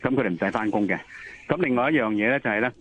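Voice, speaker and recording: A man's voice: fairly low pitch, rapid-fire, fairly bright tone. A man with a Hong Kong Cantonese accent, an expert guest explaining didactically over the telephone, repeating points for emphasis. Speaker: interview guest, occupational health expert. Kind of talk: explanatory interview answers. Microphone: telephone call. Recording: tinny phone line with noise.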